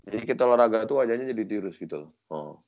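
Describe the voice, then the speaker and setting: A man's voice: lowish voice, animated, racing, a little mellow, muffled recording. A man from Sumatra giving a casual religious lecture. He jokes and acts out the voices he quotes. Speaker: Islamic preacher.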